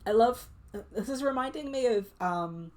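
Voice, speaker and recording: A woman's voice: on the high side, expressive, normal speed. A young woman streaming a solo tabletop game, reading prompt lists aloud and musing at length with many fillers.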